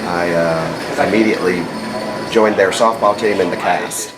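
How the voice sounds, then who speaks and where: Sassy middle-aged drag queen, low male voice, noisy. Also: steady tone, a little slow. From southern United States. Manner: sassy, campy drag queen banter with dry teasing. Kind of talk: casual backstage interview. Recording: very noisy room, loud background noise.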